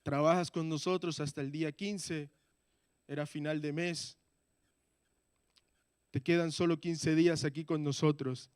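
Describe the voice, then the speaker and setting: High-voiced man preaching, hushed to shouting. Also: no echo, studio quality. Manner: swings from hushed prayer to shouted, impassioned pleas. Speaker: preacher giving testimony. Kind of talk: sermon testimony. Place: church.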